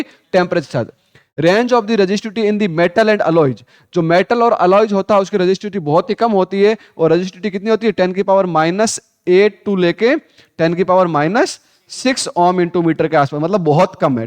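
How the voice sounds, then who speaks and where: A male physics teacher running a Hindi class lecture, quizzing students with repeated questions, calling them 'beta', and reading textbook lines slowly. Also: high voice, dry recording. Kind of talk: classroom lecture with call-and-response drills.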